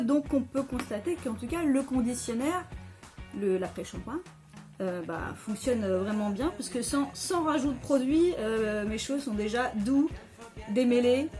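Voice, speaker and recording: A woman's voice: fairly high pitch, darkish tone. Chatty woman reviewing hair products. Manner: chatty, many fillers and restarts. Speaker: beauty vlogger. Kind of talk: casual product review vlog.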